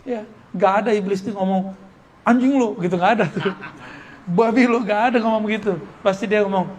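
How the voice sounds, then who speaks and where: A man giving a religious study lecture at an Islamic boarding school in casual style speech, lively and joking, often laughing. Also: sits high, fairly quick. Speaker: preacher.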